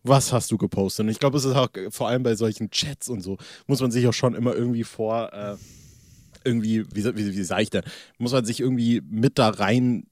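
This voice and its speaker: A man's voice: medium pitch, fairly quick, darkish tone, no echo. Podcast host guy, rambles a lot, lots of uh and sort of, dry close sound. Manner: rambling, hesitant, many fillers. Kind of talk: casual podcast chat.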